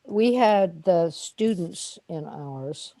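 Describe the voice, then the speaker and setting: Gravelly low woman, halting speech. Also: animated, warm tone. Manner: halting, repeats words. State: sneezy, clearing throat.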